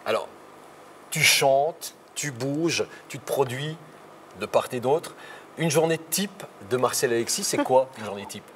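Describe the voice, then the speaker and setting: A man's voice: medium pitch, expressive, a little slow, a bit bright, a little hiss or hum. Playful male interview host. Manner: playful, hesitant with fillers. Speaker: radio show host. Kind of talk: interview hosting.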